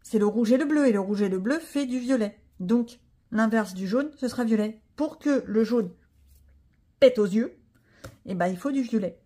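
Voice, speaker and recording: Chatty woman with a mellow voice. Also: fairly high pitch, normal speed, breathy edge. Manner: chatty, self-mocking asides to viewers. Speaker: coloring vlogger. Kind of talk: casual voice-over while coloring.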